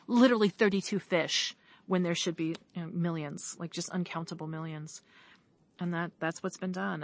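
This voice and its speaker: A woman talking in an enthusiastic, rambling way, full of "like", in a casual outdoor conversation in the woods. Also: sits low. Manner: enthusiastic, rambling, heavy use of "like". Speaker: guest on a podcast. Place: outdoors in woodland.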